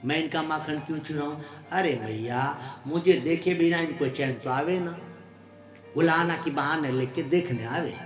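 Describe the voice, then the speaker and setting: A man playing a cheeky young boy, sly and falsely innocent, pleading his case with a knowing smoothness. It is voiced close to the storyteller's own tone, in a roomy hall with faint music. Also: a little high, unhurried, natural voice. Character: clever mischievous young boy feigning innocence.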